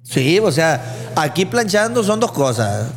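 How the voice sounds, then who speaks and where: A man with a Sinaloan accent chatting casually in a restaurant, slangy and relaxed, often checking that he is understood. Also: fairly high pitch, a little slow, slight background noise. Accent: Sinaloan Mexican Spanish. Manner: relaxed, slangy, keeps asking "sí me explico". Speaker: co-host. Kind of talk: casual chat.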